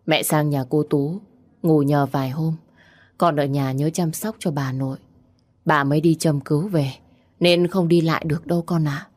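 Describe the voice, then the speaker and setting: A woman's voice: deep voice, fairly even intonation, moderate pace, a little mellow, no echo. A woman voicing a weary, battered middle-aged mother who speaks in a tired, resigned way, in a storybook reading.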